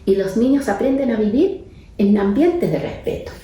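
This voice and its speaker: A woman, a neuropsychiatrist, explaining calmly with anecdotes and often ending her points with a questioning "right?". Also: fairly high pitch, normal speed. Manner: frequent tag questions, calm explaining. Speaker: neuropsychiatrist guest speaker. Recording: very echoey room, faint background noise.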